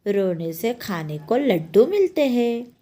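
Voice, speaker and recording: A woman's voice: fairly high pitch, big pitch swings, slow pace, warm tone, pitched above the performer's own voice, heavily acted. A woman voicing a small tearful boy who pleads in a storybook. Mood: pleading.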